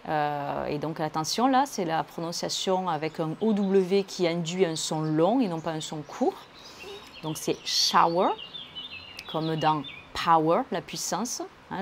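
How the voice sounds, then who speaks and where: A woman's voice: lowish voice, a little hiss or hum. A woman teaching English, explaining words and pronunciation carefully, one point at a time. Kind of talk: language lesson explanation.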